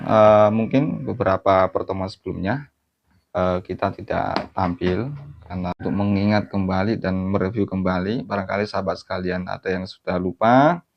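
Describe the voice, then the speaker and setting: A man teaching Quran reading melodies, speaking slowly and adding "ya" after his phrases, and singing short phrases as examples. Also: deep voice, creaky, highs cut off. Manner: slow, repeats "ya" after phrases, sings melodic phrases to demonstrate. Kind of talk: online recitation lesson.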